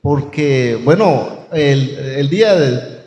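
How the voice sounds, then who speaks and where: A woman's voice: rumbling low, expressive, takes it slowly, dark tone, in a large hall, slight background noise. A woman hosting a church panel talk, asking thoughtful questions with many restarts.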